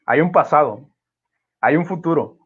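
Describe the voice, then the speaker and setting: A man's voice: on the high side, animated, moderate pace, a bit bright, husky. Man, thoughtful host, hesitant restarts, muffled lo-fi sound. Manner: reflective, many fillers and restarts. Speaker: podcast host. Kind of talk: casual conversation. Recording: dull lo-fi audio.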